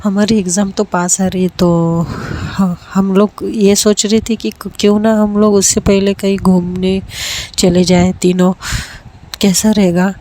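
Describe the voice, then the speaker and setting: A woman's voice: medium pitch, level tone, measured pace, mellow, close to an everyday voice. A woman voicing a caring young student who speaks earnestly about her friend. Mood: concerned.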